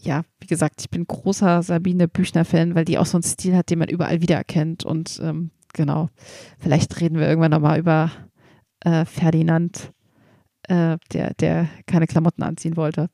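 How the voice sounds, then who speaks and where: A woman's voice: low voice, flat delivery, moderate pace, dark tone, no echo, clean studio sound. A woman hosting a podcast, talking casually in a chatty way with many fillers and restarts. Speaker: podcast host recommending children's books.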